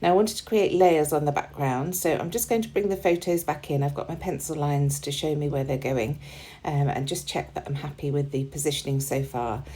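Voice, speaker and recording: Low and mellow but slightly hoarse as her voice fades, a UK crafting channel host gives a casual voice-over of her scrapbooking process. She talks a bit fast in a relaxed, chatty way, sprinkling in ums and small laughs.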